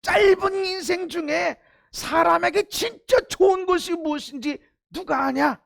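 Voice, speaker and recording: A man preaching a sermon as pastor, swinging from loud exhortation to hushed low asides and giving blunt, informal commands to the congregation. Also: a little slow, gravelly. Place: church sanctuary.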